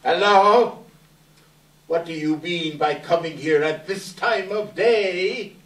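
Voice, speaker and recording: A man's voice: high-pitched, takes it slowly. A man playing Scrooge as an old miser turned giddy and kindly, exclaiming and chuckling in stage readers theater. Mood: mock stern. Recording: echoey hall, distant microphone.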